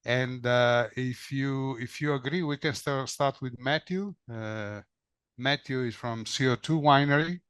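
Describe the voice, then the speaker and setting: A man's voice: mid-range voice, unhurried, fairly bright tone, clear, resonant tone, no echo. A man moderating a webinar, thanking speakers and introducing the next one, often repeating words and restarting sentences. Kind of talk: moderating a video call. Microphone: video call.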